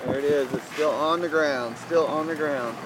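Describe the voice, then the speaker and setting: A man's voice: a little high, moderate pace. A man giving live, urgent eyewitness commentary as a storm chaser, repeating himself in exclamations. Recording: noisy rain and vehicle ambience.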